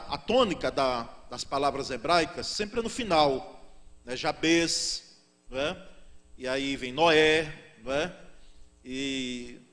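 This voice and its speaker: High-voiced Brazilian pastor preaching in a reverberant church. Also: male voice, fairly bright tone. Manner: conversational preaching, often asks "não é?". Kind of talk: sermon. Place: church sanctuary.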